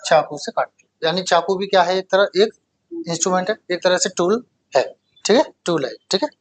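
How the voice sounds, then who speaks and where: Male grammar teacher from India, classroom delivery, repeats key words slowly and keeps checking that students follow. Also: high voice. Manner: asks the class questions and answers them himself, often checking "okay?".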